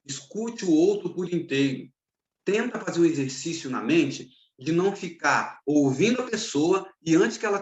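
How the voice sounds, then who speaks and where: A man's voice: medium pitch, echoey room, highs cut off. A man giving a recorded lecture on pastoral counseling, teaching earnestly and repeating his key advice.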